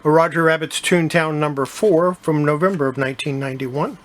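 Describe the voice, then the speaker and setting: An older man hosting his own collecting channel, casually showing items from his collection with a relaxed, chatty manner. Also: on the high side, normal speed. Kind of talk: casual collection show-and-tell.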